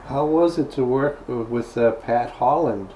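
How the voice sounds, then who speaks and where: A man's voice: medium pitch, measured pace, warm tone, a little hiss or hum, rough recording. A man asking casual questions as an interviewer in an informal conversation.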